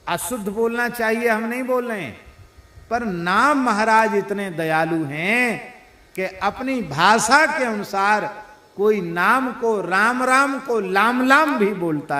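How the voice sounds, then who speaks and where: A man giving a devotional sermon, slowly singing verses and explaining them with playful examples. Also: high voice, pushed and bright. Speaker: spiritual preacher. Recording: roomy echoing hall.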